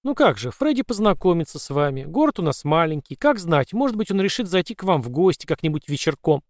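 A possessed mother who coaxes in a sweet, calm voice while hinting at menace, as a male narrator puts her on. Her speech is smooth and unhurried, on a dry, close recording. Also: a little high, no room sound. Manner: sugary, calm, coaxing.

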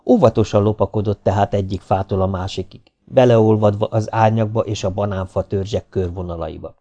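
A man reading an audiobook aloud in a steady, even storytelling manner. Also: on the low side, muffled recording. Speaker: audiobook narrator.

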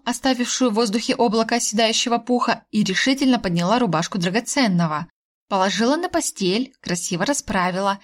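Expressive woman narrating an audiobook. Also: fairly high pitch. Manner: expressive, voices the characters. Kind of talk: first-person audiobook narration.

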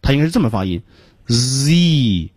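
A man teaching English pronunciation on a radio lesson, explaining patiently step by step and repeating sounds slowly to demonstrate them. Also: mid-range voice, sing-song, a little mellow, no echo.

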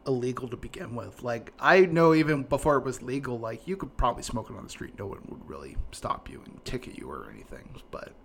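A man's voice: medium pitch, expressive, fairly quick, vocal fry, few pauses, fairly bright tone, slight background noise. Man hosting a casual podcast. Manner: informal, peppered with "like". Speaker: podcast host.

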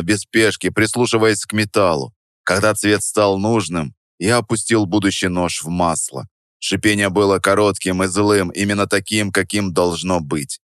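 Male narrator, first-person audiobook, steady delivery, low voice, dry studio sound. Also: no echo.

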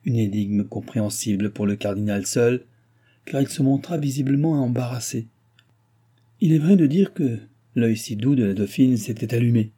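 A man narrating a classic novel as an audiobook in even, measured storytelling. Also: fairly low pitch, breathy edge.

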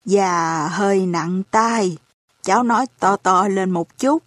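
A woman voicing a hard-of-hearing elderly landlady who speaks in a slow, lamenting, folksy way. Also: medium pitch, no echo, studio quality. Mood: lamenting, gossipy.

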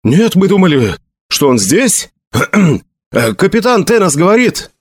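A man voicing a young male envoy who reports in a rapid patter. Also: high-pitched, big pitch swings, slightly rough, no echo, clean studio sound, pitched above the performer's own voice, full character voice. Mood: rushed.

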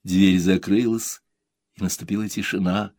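A man narrating an audiobook in a measured, even way. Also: low voice, dry recording, clean studio sound. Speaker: audiobook reader. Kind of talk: scripted narration.

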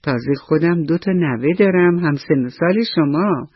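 A woman voicing a kind, lonely old man in a radio bedtime story. He talks softly and slowly, with a husky edge. The sound is dry and dull, like an old radio broadcast. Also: low voice, dry recording. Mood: gentle.

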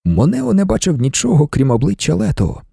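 A man reading an audiobook as narrator, brisk and expressive. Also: a little high, gravelly, slightly rough, no room sound, clean studio sound.

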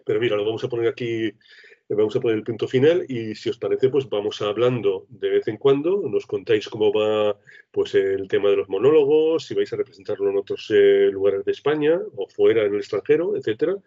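A male radio host with a low, dark, mellow voice talks in a friendly, rambling way. The recording sounds dull and lo-fi. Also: fairly quick. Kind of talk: casual interview hosting.

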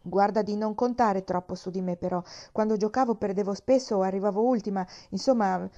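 A doubtful, sharp-tongued housemaid, as a woman reader puts her on. She grumbles and sounds sarcastic in a mellow, warm voice. The recording is dull and lo-fi. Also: mid-range voice, fairly even intonation, fairly quick, close to an everyday voice. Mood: grudging.

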